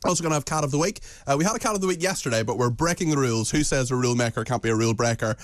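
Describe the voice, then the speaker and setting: A man's voice: medium pitch, animated, racing. Chatty British man presenting breakfast radio. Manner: chatty, playful, stumbling restarts. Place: radio studio.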